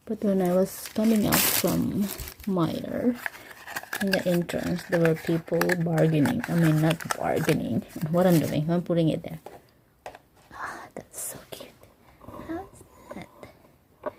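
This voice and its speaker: A woman with unboxes small treasures at home before bed, gushing and slipping into whispers. Her voice is slow and mellow with some vocal fry. A faint background noise sits under the recording. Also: lowish voice. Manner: excited, gushing, often drops to whispers. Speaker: vlogger. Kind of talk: casual unboxing vlog. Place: home, bedroom at night.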